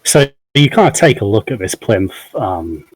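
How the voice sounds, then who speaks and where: A man narrating as game master of a tabletop game, pausing often with ums and hedging words. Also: lowish voice, sing-song, no echo, low-quality recording. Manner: hesitant, many ums and "kind of".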